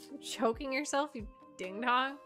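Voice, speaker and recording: Bright-voiced young woman cooing at her dog. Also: high voice, moderate pace, faint music behind. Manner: laughs often, coos praise at her dog. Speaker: live streamer. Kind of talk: casual stream chat. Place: at home. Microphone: desk streaming mic.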